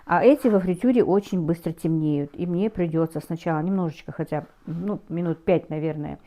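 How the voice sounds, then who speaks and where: A middle-aged woman with a fairly low, very soft-edged mellow voice talks casually as a home cook. She speaks in a halting way, searching for words and rephrasing as she explains. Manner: halting, with hesitant self-corrections. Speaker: home cook taking food orders, vlogger. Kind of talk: casual cooking vlog chat.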